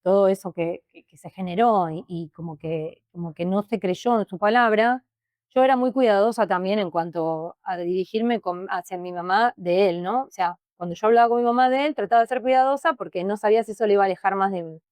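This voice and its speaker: A Rioplatense woman recounts a painful experience in an interview. Her delivery is emotional and halting, and she often repeats words as she goes. The sound is dry and close, with no room around her. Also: medium pitch, a little mellow, dry recording. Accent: Rioplatense Spanish. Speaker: interview guest. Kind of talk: personal testimony in conversation.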